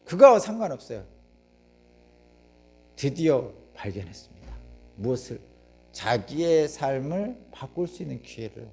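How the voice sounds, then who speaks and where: A man's voice: mid-range voice, big pitch swings, measured pace, creaky, pauses often, darkish tone, slightly rough. A man preaching a sermon as pastor, telling the story vividly, asking the congregation questions and acting out the voices of the crowd.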